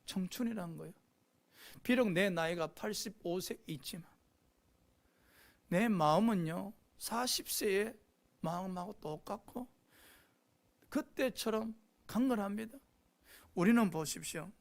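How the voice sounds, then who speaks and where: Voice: mid-range voice, measured pace, vocal fry, long pauses. A pastor preaching a sermon with passion, often prompting the congregation with a questioning "eh?". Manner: impassioned preaching, frequent rhetorical "eh?" prompts to the congregation.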